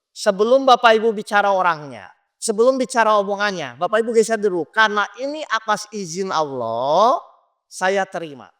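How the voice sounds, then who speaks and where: Male preacher, sermon in a mosque, high pitch, keeps questioning the listeners. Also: pushed and bright. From Indonesia. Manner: addresses listeners directly with questions.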